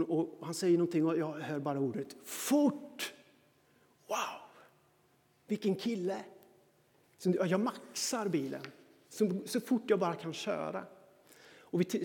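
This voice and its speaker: High-voiced self-mocking male storyteller. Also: mellow, big-room sound. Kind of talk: personal anecdote monologue.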